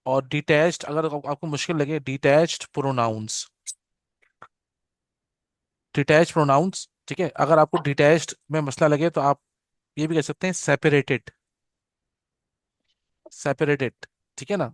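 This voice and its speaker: A man teaching an Arabic grammar class. He repeats each term slowly and keeps checking that his students follow. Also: a little high, fairly even intonation, no echo, studio quality. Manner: patient, repeats terms slowly with frequent "theek hai na" check-ins; leads students in call-and-response repetition. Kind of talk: live grammar lesson.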